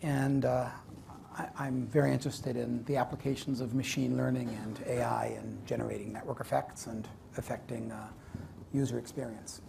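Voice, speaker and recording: A man explaining things as an academic panelist in halting, emphatic phrases. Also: medium pitch, level tone, vocal fry. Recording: live panel with background noise.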